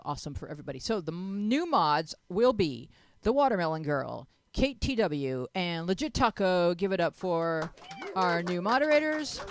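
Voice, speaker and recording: A woman's voice: deep voice, no echo. A middle-aged woman hosting a casual talk show, playful and jokey, speaking into a handheld mic in a small home studio. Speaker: host. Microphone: handheld mic, headphones on.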